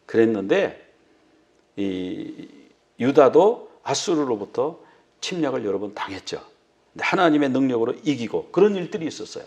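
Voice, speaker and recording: A man's voice: medium pitch, sing-song, normal speed, darkish tone. A male pastor preaching a sermon, dramatically acting out the words of biblical figures. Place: church.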